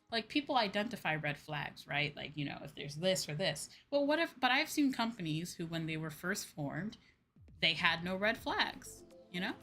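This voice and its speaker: A medium-pitched, bright woman's voice with a forceful tone carries a casual VTuber livestream as she games to background video game music. She gives her opinions freely, frequently adding tag questions and throwing in some swear words.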